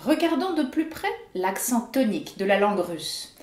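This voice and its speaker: A woman teacher giving a scripted pronunciation lesson, with clear and emphatic explanations. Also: fairly high pitch, big pitch swings, normal speed, roomy sound, loud music behind the voice. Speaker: Russian language teacher.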